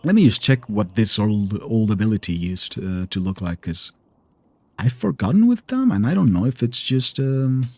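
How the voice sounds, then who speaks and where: A man's voice: on the low side, expressive, moderate pace, warm tone, no room sound. A man casually commenting on his own gameplay, talking to himself and grumbling at the boss he is fighting. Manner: chatty, mutters to himself, argues with the boss. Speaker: gameplay streamer. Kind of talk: casual let's play commentary.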